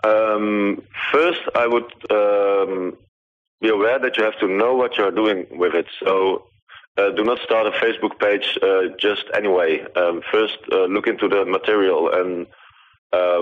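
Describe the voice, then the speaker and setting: A man's voice: fairly low pitch, fairly even intonation, measured pace. A man from the Netherlands with a Dutch accent, a video artist answering interview questions over the phone, hesitant and full of ums. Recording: poor phone line.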